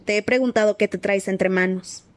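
A woman's voice: mid-range voice, steady tone, normal speed, dry recording, lightly acted. A woman voicing a curt, scornful grown man in an audiobook reading. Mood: cold scorn.

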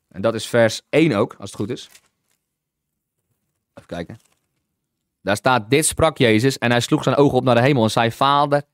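A man's voice: medium pitch, no room sound, studio quality. A man preaching an exuberant teaching sermon, often calling out halleluja and slipping in English phrases.

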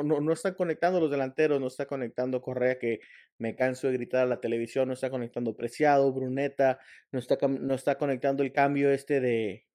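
Mexican man, warm mellow voice, rambling frustrated fan talk, casual sports chat. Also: medium pitch. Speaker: podcast co-host.

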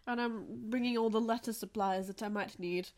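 A woman's voice: a little high, fairly even intonation, moderate pace, darkish tone. Rambling, self-mocking woman. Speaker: podcast co-host. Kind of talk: casual chat.

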